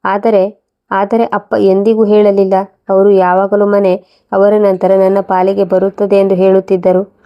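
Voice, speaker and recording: A woman's voice: medium pitch, flat delivery, measured pace, no room sound, lo-fi sound, lightly acted. A woman voicing a confused grown son who speaks hesitantly in a storybook reading.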